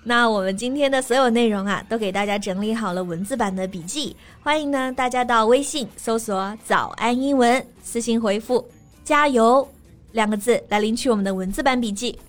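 A young woman co-hosting a bilingual English-teaching podcast, explaining pronunciation steadily and clearly and spelling words out. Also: a little high, normal speed, soft background music. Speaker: podcast co-host.

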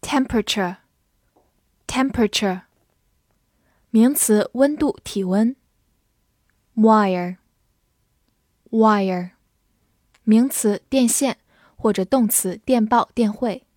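Slow, clear woman teaching vocabulary. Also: fairly high pitch, a little mellow, no room sound, clean studio sound. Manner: spells words letter by letter, reads slowly for repeating. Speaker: English teacher. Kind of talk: vocabulary lesson.

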